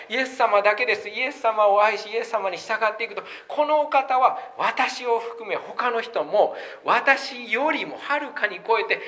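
A male pastor delivers a sermon with a bright, forceful voice pitched a little high. He presses his points emphatically and poses rhetorical questions to the congregation.

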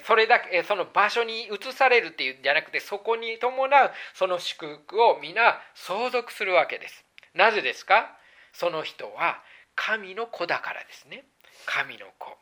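Lively, bright-toned preacher explaining scripture. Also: mid-range voice. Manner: earnest teaching tone, many hesitant fillers and self-corrections. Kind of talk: sermon, Bible verse exposition.

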